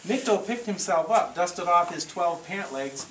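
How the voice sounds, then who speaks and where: A storyteller leading a live audio theatre show reads aloud to a group in a theatrical, encouraging way, adding coaching asides. The voice is medium-pitched, lively, slightly slow and a bit bright. A distant handheld camcorder captures it in a noisy, echoey room.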